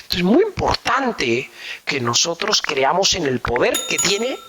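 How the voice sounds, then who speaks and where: A man's voice: high voice, big pitch swings, measured pace, background noise. A middle-aged man, preaching a sermon as pastor and repeating key phrases for emphasis.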